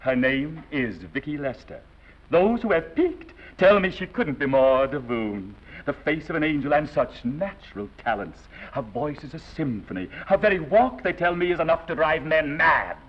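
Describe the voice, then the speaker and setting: An actor playing a gushing radio gossip announcer who rattles off breathless news, in a 1930s film. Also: male voice, a little high, big pitch swings, moderate pace. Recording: dull 1930s film soundtrack.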